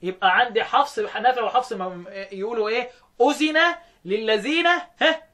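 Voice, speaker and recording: Egyptian sheikh guy quizzing a student on readings, real high voice, talks fast, drills phrases slow. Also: fairly bright tone. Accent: Egyptian Arabic. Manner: quizzing, repeats answers, drills phrases slowly. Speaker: Quran recitation teacher. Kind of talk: teaching the variant readings with call and response.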